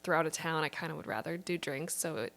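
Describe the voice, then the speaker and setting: A young woman co-hosting a podcast, telling a dating story in a relaxed, casual way with lots of "like". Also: deep voice, fast talker, vocal fry. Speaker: podcast co-host. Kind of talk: casual chat.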